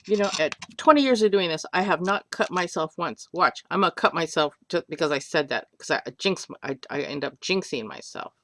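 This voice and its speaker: A woman's voice: lowish voice, lively intonation, a little fast, hardly any pauses, a bit bright, no echo. An older woman teaching a polymer clay craft on a webcam, chatty and rambling, with self-deprecating jokes along the way.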